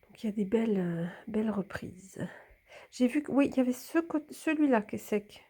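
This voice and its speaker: A woman narrates casually as she films and handles a hanging plant, often lowering to a whisper, slightly congested from a cold. Her fairly high voice is animated, mellow, and slightly rough, at a normal speed.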